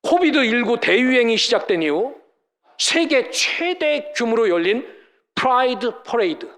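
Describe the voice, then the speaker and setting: High, lively-voiced male pastor preaching. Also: measured pace. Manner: emphatic, asks the congregation rhetorical questions; mimics scoffers in mocking voices. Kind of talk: sermon. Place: church service.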